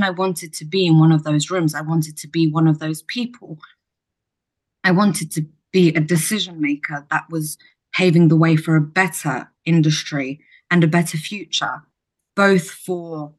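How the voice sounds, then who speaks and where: A low-pitched young adult woman from Kosovo, a hotel general manager, answers podcast interview questions reflectively with frequent ums.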